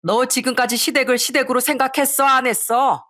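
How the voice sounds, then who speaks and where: A woman's voice: sits high, fairly even intonation, brisk, fairly bright tone, voice pushed up. Woman narrator doing an older mother, furious, scolding, raised voice, storybook reading.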